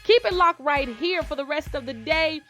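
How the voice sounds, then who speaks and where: Brief: high-pitched woman gospel radio host, fervent praying, preacher-style repetition, faint music underneath. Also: lively intonation, normal speed, pushed and bright. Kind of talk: fervent live radio prayer and exhortation.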